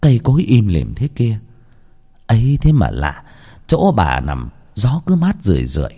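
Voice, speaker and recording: A man narrating a ghost story with an expressive, drawn-out storyteller delivery. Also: fairly low pitch.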